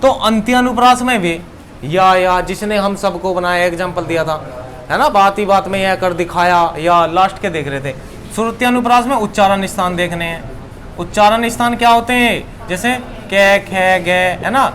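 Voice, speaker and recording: A man's voice: sits high, normal speed, fairly bright tone, poor audio. A man teaching a Hindi grammar lesson for exam preparation, explaining step by step and quizzing the listener with questions. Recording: faint background noise.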